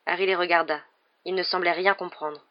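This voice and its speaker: A woman narrating an audiobook in a measured storytelling manner. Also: lowish voice, fairly even intonation, no echo, muffled recording. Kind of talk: scripted narration.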